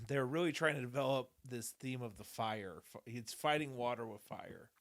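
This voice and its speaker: A man talking over a horror film on a podcast, musing aloud with plenty of fillers and easy laughter. His voice sits at a plain middle pitch. He sounds relaxed and conversational. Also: normal speed, vocal fry, dry recording, studio quality. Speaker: podcast co-host. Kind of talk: casual film discussion chat.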